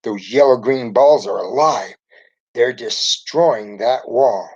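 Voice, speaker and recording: A man's voice: medium pitch, takes it slowly, breathy edge, highs cut off. A man voicing a schoolboy putting on a showy news reporter delivery in a storybook reading.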